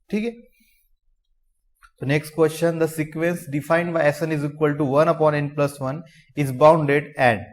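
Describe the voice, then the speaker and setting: Male math lecturer, voice a bit high, keeps asking rhetorical questions, reads definitions out slowly. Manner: asks the class rhetorical questions, says "theek hai" often. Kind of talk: explaining maths in Hindi mixed with English.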